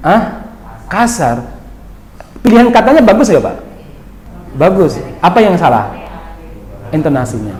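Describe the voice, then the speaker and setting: A man giving a dawn sermon in a lively, teasing way, asking his audience questions. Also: high-pitched, roomy sound, low-quality recording. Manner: slips into Javanese phrases. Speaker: preacher.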